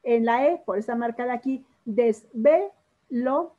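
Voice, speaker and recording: Woman teacher, fairly high, mellow voice, patient, quizzing students, dull lo-fi recording. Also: a little slow. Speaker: literature teacher. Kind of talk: classroom lesson on poetry.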